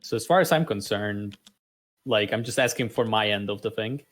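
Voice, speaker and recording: A man's voice: on the low side, moderate pace, a bit bright. A man playing an online board game in casual voice chat, easygoing while bargaining over deals.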